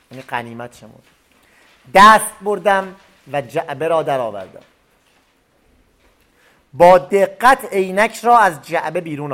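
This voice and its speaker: A man reading a memoir story aloud, pausing to explain old words in plain everyday speech. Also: sits high.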